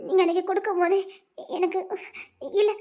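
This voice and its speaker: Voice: extremely high pitch, little pitch movement, brisk, warm tone. A performer voicing a frightened young village woman who scolds her suitor in an audio drama. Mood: scolding. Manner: alarmed, scolding. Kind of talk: audio love-story drama.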